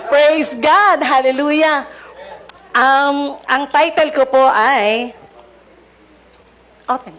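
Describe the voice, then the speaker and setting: A woman's voice: high voice, extremely slow, long pauses, a bit bright. A Filipino woman preaching with a cold, chatting and laughing through a casual story before her sermon. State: congested with a cold. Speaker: lay preacher.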